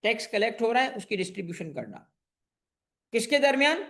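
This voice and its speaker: A man's voice: extremely high pitch, very animated, a little fast, a bit bright. A man teaching an exam-prep tax class that is also streamed online. He fires questions at his students, answers them himself, calls them fondly, and repeats the key points.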